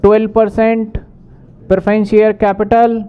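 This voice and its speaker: A man teaching accounting in a brisk lecture, asking questions and answering them himself. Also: sits high, monotone, clean tone, highs cut off. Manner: brisk, asks and answers his own questions. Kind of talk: whiteboard lecture.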